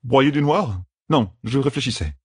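A man's voice: medium pitch, lively intonation, unhurried, husky, dry recording, studio quality, voice pushed up. A man voicing a defensive, brooding young prince in an audiobook, protesting earnestly. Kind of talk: audiobook character voice.

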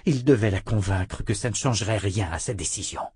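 A man narrating an audiobook in a measured, dramatic reading. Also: on the low side, darkish tone, husky, no echo, clean studio sound.

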